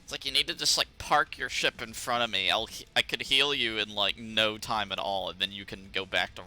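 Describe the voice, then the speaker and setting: A man's voice: on the low side, brisk, pushed and bright, faint music behind. A man streaming a game who chats casually, teasing his teammates with jokes and laughing through his sentences. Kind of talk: casual gaming chat.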